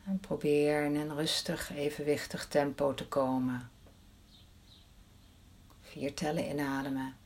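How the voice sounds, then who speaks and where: A woman leading a guided breathing meditation in a soft, soothing voice, counting the breaths aloud. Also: low voice, flat delivery, a little slow, pauses often.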